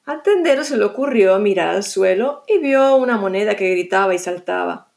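A middle-aged woman narrating a children's story, expressive and unhurried. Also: medium pitch, gravelly. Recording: music bed.

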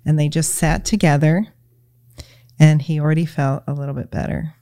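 A woman as a podcast guest, talking in a gentle, reflective way with many "you know"s. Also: low-pitched, steady tone, moderate pace, no room sound, clean studio sound. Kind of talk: casual conversation, retelling a children's story.

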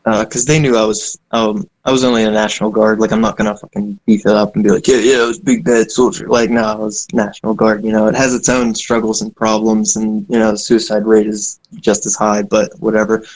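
A man's voice: on the low side, flat delivery, brisk, few pauses, darkish tone, rough recording. A young man, an indie game developer, talking in a rambling, casual way with many fillers and asides. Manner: rambling, self-deprecating, frequent fillers. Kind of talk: casual conversation.

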